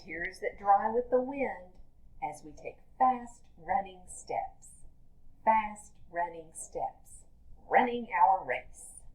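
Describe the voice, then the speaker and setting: A woman teacher with a medium-pitched voice reads a picture book aloud to young children, telling the story in a deliberate, expressive way. The audio quality is poor.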